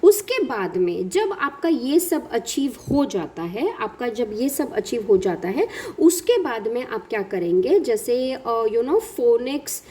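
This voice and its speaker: High-voiced woman teaching. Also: very animated, mellow. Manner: explains step by step, mixes English terms, models words slowly. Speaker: parent educator. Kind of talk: instructional talk.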